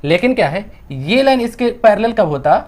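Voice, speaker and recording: A man's voice: high voice, big pitch swings, normal speed. A young man with an Indian accent, a maths teacher working through textbook exercises step by step, mixing Hindi with English and asking and answering his own questions.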